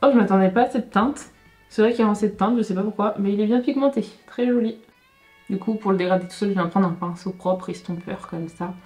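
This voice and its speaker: A woman's voice: medium pitch, brisk, darkish tone. Chatty woman vlogger in an echoey room. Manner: chatty, thinking aloud, with frequent hesitations and self-corrections. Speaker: beauty vlogger. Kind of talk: casual makeup tutorial chat. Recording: roomy echo with faint background music.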